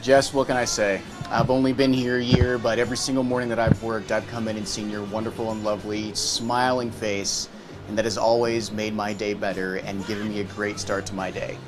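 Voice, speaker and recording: A man's voice: lowish voice, level tone, fairly quick, over music. A man working at the station giving a sincere farewell message to a colleague. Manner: sincere, warm wishes. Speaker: station co-worker.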